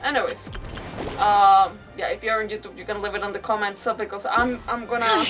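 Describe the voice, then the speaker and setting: A woman game streamer chats casually and comments on her play, rambling and hesitant, with mild substitute swearwords. Her mid-range voice is steady and fairly quick. The mic is distant, with faint game music behind her.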